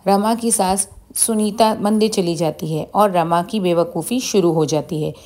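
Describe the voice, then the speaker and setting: A woman tells a family moral story in scripted narration. Her delivery is plain and steady, at a middling pitch. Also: measured pace.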